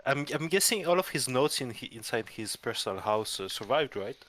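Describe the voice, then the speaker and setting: A man's voice: mid-range voice, lively intonation, a little fast, a bit bright. A man talking casually as a player in a tabletop role-playing game.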